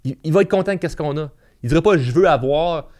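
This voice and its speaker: A man with a Quebec French accent hosting a podcast, telling anecdotes in a casual, animated way full of fillers and restarts. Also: on the high side, very fast. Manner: animated storyteller with many fillers and repeats. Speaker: podcast host.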